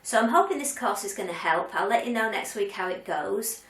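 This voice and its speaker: A candid, chatty woman in her later years talks to her viewers in a relaxed vlog style, pausing on ums and restarting her sentences. Her voice sits at a middle pitch. It is heard from a little way off the mic in a roomy, echoing space. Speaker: vlogger. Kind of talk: casual chat to camera. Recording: roomy sound, mic at a distance.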